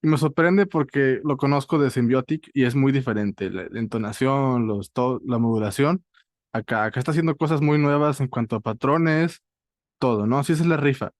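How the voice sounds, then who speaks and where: Mexican man, playful host, mid-pitch, dry close mic. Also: normal speed, no room sound. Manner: playful, slangy, leading the talk. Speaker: podcast host. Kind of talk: casual panel chat.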